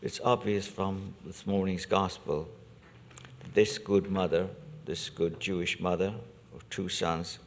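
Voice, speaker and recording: Low-voiced priest in cathedral echo. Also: male voice, a little hiss or hum. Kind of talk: liturgical scripture reading and homily. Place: large reverberant church during Mass. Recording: long cathedral-like reverb of a church.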